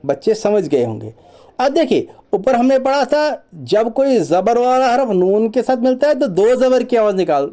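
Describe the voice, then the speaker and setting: A man teaching children Quran reading, reciting letter sounds slowly one by one and patiently repeating each rule, with mixed into his explanations. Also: sits high, mellow. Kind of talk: children's lesson, slow drilled recitation.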